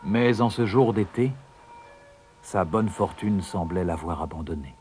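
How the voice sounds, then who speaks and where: A man's voice: deep voice, animated, unhurried, a little mellow, slight background noise. A man narrating a fairy tale in a scripted, suspense-building storybook reading.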